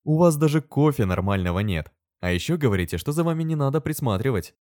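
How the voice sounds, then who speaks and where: A brusque young man, cocksure and mocking, who snaps out short lines with lively rises and falls, as a male reader puts him on. His voice is pitched a little above the reader's own. The recording is dry and close up. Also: moderate pace, no room sound. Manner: curt, mocking, matter-of-fact.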